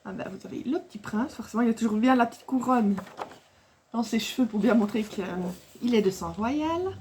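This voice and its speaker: A scrapbooking vlogger shows off her craft haul, chatting casually to camera in a slightly high, dark-toned voice at a somewhat quick pace. She rambles, loses her thread, restarts, fills gaps with hesitations and fillers, and laughs often. A faint hiss lingers behind her.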